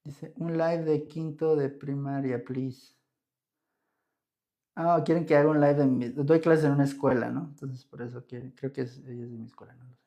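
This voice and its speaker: A man's voice: medium pitch, steady tone, normal speed, dark tone, muffled recording. A young man from Mexico with a Mexican Spanish accent, teaching English grammar on a live stream, chatting with viewers and checking in with "¿ok?" all the time. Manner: chatty, answers viewer comments, checks in with "¿ok?" often.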